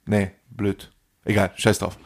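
A man's voice: lowish voice, measured pace. A man in his forties, co-hosting a casual podcast chat, telling an anecdote in street slang and acting out the voices of the people in it. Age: 40s. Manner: street slang, animated anecdote with acted quotes. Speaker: podcast co-host.

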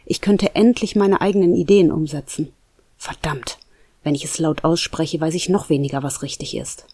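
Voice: medium pitch, steady tone, normal speed, dark tone, husky, dry recording, clean studio sound, close to an everyday voice. A narrator voicing an unsure young man. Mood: doubtful. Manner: hesitant, doubtful. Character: unsure young man facing a job choice.

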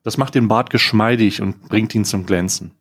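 A man hosting a casual chat, excitable and scatterbrained as he unboxes an advent calendar, laughing often. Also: on the low side, normal speed. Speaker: podcast host.

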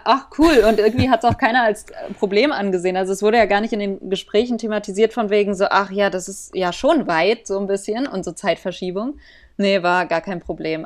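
Chatty woman co-hosting a casual talk. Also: mid-range voice. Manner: chatty, curious, mixes in English slang. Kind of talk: casual chat.

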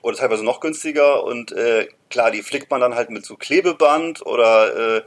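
A man's voice: medium pitch, normal speed. A man chatting casually as a podcast co-host, explaining things and addressing the listeners directly.

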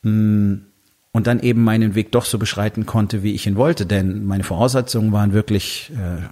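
Husky, blunt German-speaking man musing. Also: on the low side, fairly even intonation, normal speed, darkish tone. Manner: blunt and conversational, with crude words and many fillers; acts out inner dialogue in quoted asides. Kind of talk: casual spoken monologue.

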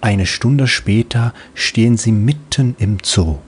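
A man's voice: mid-range voice, takes it slowly, slightly rough. A man narrating a comic audiobook in a playful storytelling manner.

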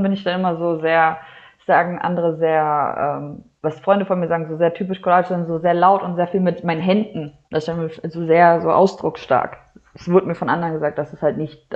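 A young woman with a Croatian family background, a guest telling anecdotes animatedly, often laughing and acting out dialogue. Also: lowish voice. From Germany, Croatian family. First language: Croatian heritage speaker. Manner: animated storyteller, laughs often, acts out quotes. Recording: slightly dull lo-fi audio.

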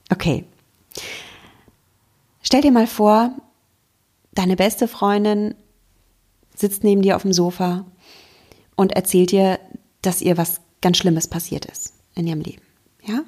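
Breathy, gentle German woman coaching. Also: medium pitch. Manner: gentle and encouraging, speaks straight to the listener, slows for emphasis. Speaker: mindfulness coach and podcast host. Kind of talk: self-help podcast talk.

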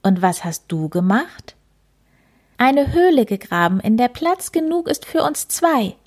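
Storybook hare, loyal and anxious, high and emotional, cries out easily, voiced by a woman. Soft, slow German reading. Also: lively intonation. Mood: proud. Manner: high, pleading and crying out.

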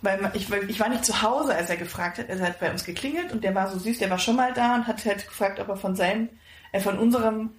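Excitable woman podcast host. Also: medium pitch, fast. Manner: excitable, gushing storyteller. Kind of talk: casual chat. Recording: echoey room.

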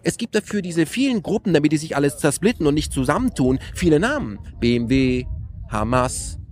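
Man, fairly high voice, animated interview talk full of rhetorical questions. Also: a little fast. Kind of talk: casual conversation.

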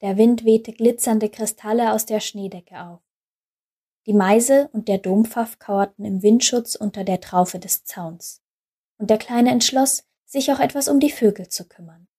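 Breathy woman narrating a bedtime story. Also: mid-range voice, mellow.

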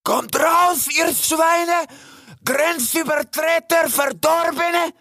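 A hot-headed young stag guards his woods in a storybook, gruff and pompous, barking his words, as a male narrator puts him on. His voice sits well above a man's usual speech and swings widely. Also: on the high side, big pitch swings, measured pace, no echo, clean studio sound, pitched above the performer's own voice, exaggerated voice. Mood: angry. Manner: gruff, accusing, shouting.

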